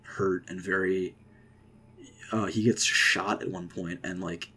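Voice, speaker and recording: A young man casually rambling through an excited movie reaction, with lots of fillers and restarts. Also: sits low, slow pace, slightly rough. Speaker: vlogger.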